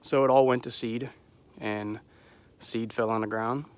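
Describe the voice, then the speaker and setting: A man's voice: mid-range voice, fairly even intonation, measured pace, clean tone. A young man outdoors in a winter pasture, a farmer vlogging casually. He is a bit out of breath and has a cold, and he rambles with self-deprecating disclaimers. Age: young adult. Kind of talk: casual outdoor farm vlog.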